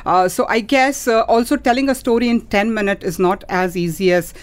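Halting woman explaining in an interview. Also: mid-range voice, no room sound. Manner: halting, hesitant phrasing with many pauses. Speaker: interview guest, theatre festival organiser. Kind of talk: conversational interview.

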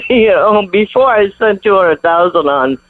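Woman, tipsy, giggly and rambling, voicemail over a landline phone, lively pitch, dry close line. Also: measured pace, dry recording, narrow, tinny audio. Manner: rambling, giggly, chuckles between sentences. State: tipsy from morning drinking. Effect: heard over a landline phone voicemail. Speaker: caller leaving a voicemail. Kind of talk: casual phone message.

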